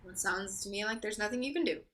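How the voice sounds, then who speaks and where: In a staged play reading, an actress plays a worried, sharp-tongued young girlfriend, speaking curtly, insistently, and pointedly in a tense mood. Her medium-pitched voice moves fast, with a fairly bright, natural tone.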